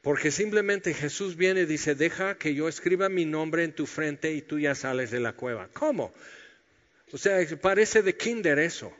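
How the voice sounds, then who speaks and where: A man delivers a sermon and acts out Bible scenes with humor. His voice sits fairly high. The sound is dull and lo-fi, with a long reverb trailing through a large hall. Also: moderate pace, hardly any pauses. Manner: lively storytelling, acting out biblical scenes with humor. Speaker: pastor.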